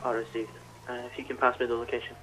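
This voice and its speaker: Fast-talking male radio dispatcher. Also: medium pitch, level tone, background noise. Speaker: police control room dispatcher in a role-play game. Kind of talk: radio dispatch role-play chat.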